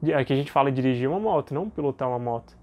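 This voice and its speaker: A young man, giving a casual video lesson in a relaxed, chatty way full of fillers and tag questions. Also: medium pitch, rapid-fire. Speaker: English teacher.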